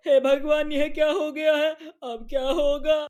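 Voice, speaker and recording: A jealous rival sweet-seller in a cartoon blusters and sputters in a high voice, as an actor plays him. He sounds flustered and guilty. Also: little pitch movement, a little slow, a little mellow. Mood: panicked.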